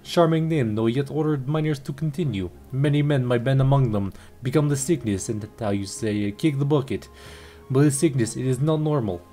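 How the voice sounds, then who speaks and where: A man's voice: mid-range voice, a little mellow, soft background music, close to an everyday voice. A man doing a widow with broken English. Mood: earnest. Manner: halting, broken English with odd idioms. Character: grieving middle-aged widow with broken English.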